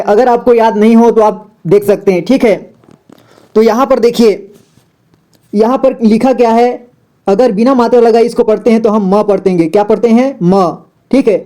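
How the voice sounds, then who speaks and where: A man's voice: sits high, dark tone. A man teaching a step-by-step reading lesson, patient, repeating words and asking the viewer questions.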